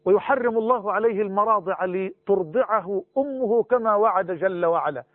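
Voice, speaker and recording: A man's voice: high-pitched, moderate pace, no room sound. A male preacher delivering a rhetorical sermon, quoting and chanting scripture. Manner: rhetorical, chanting Quranic verses and reciting rhymed verse softly. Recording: tinny phone-like radio broadcast.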